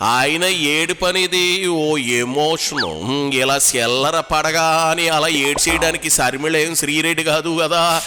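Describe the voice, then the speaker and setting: A man's voice: a little high, slow, big-room sound. Sarcastic man hosting a satire show. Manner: teasing, sarcastic, addresses the subject directly. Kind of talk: mocking political satire commentary. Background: background music.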